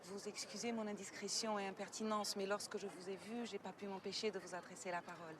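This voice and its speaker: A woman's voice: medium pitch, fairly even intonation, quick pace, a crowd in the background, lightly acted. An actress playing a patient, formally polite history professor from Portugal, explaining things to her daughter outdoors. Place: outdoors at an ancient site.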